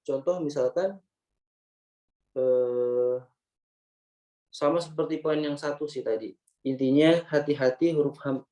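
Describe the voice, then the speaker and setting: A man teaching Quran recitation rules with an Indonesian accent, explaining step by step and slowly demonstrating example words. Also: mid-range voice, darkish tone, rough recording. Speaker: tajwid teacher.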